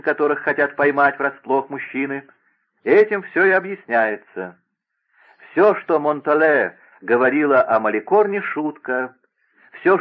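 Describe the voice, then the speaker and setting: A man's voice: mid-range voice, voice pushed up, close to an everyday voice. A man reading aloud and voicing an imperious, scheming young princess who gives orders in a raised, insistent voice. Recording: tinny phone-like radio broadcast.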